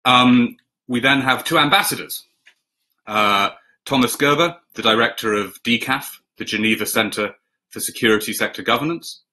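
Man, middle-aged, bright lowish voice, measured moderator, video call. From Finland. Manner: measured, with frequent 'uh' and 'um'. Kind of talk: moderating an online panel. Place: home room, indoors.

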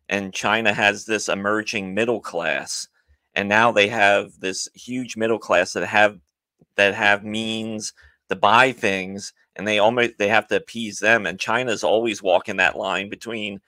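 A man's voice: fairly low pitch, fairly even intonation, a little slow, pushed and bright, no echo. A man on a casual chat panel giving blunt, cynical opinions.

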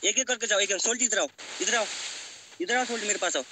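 A man's voice: high voice, fast. A young man from Nepal giving urgent, repeated commands to his teammates in live gaming voice chat. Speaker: gamer leading his squad. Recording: loud game noise behind.

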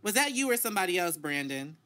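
A man's voice: sits high, big pitch swings, fast talker, bright, forceful tone, faint music behind. A man hosting a casual podcast chat, laughing and teasing his co-hosts. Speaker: podcast host. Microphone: phone on speaker for guest.

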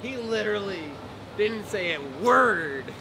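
A man's voice: high voice, lively intonation, measured pace, sharp tone, slight background noise. A young man chatting in a car at an airport, teasing and swearing, often sounding exasperated. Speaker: friend on the vlog. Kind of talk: casual chat. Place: in a vehicle at an airport.

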